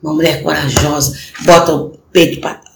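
A woman's voice: low voice, little pitch movement, moderate pace, vocal fry, slight background noise. A woman preaching a sermon on a live stream, earnest and exhorting, speaking straight to the listener. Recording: echoey room with faint ambience.

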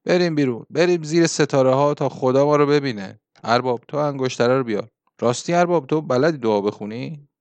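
A man's voice: mid-range voice, clean tone, no room sound, lightly acted. A man voicing a lusty, impulsive old workman in an audiobook, talking in an earthy, exclamatory way. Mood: boisterous.

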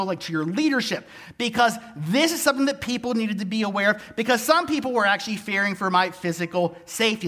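Man preaching a conversational sermon. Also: extremely high pitch. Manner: conversational, self-deprecating, animated emphasis. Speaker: pastor.

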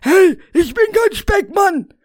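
A woman voices an arrogant, pudgy male YouTuber, squeaky and indignant. He protests in a high, strained voice. The sound is dry, with no room around it. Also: sing-song, slow, no echo, heavily acted. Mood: shrill outrage. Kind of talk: amateur story reading.

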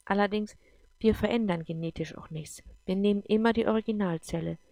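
Brief: patient explaining man, read by a woman, gravelly, dry close sound. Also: mid-range voice, fairly quick, mellow, dry recording, lightly acted. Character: calm adult man explaining his world.

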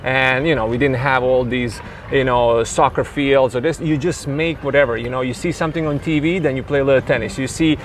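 A man's voice: mid-range voice, fairly even intonation, a little fast, few pauses, slight background noise. A man from Croatia with a Croatian accent, a tennis coach talking in a casual interview in a thoughtful, rambling way with many fillers.

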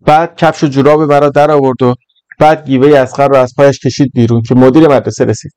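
A man narrating a short story in an even, measured reading voice. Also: mid-range voice, clean tone, no echo. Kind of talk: scripted narration.

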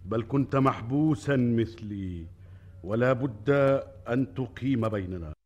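A man playing an emotional king in a classical Arabic drama, speaking in a grand, halting, theatrical manner with repeated words. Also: medium pitch, husky, dull audio. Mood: earnest, insistent. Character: emotional king freed from a sorceress's spell.

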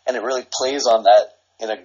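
A man's voice: mid-range voice, fairly even intonation, quick pace, a little mellow, husky. A man chatting casually about movies with his cousins, laid-back and swearing freely, full of fillers. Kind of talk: casual chat. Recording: muffled speakerphone call.

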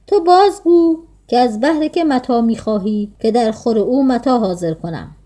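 Young prince pretending to be a merchant, super polite and courtly, woman reading, soft mellow tone. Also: on the high side, lively intonation. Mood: courteous.

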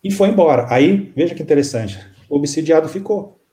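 Brief: man, spiritist counselor, calm halting storyteller, warm mellow tone. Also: fairly high pitch. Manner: calm, halting, many fillers. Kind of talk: storytelling in an interview.

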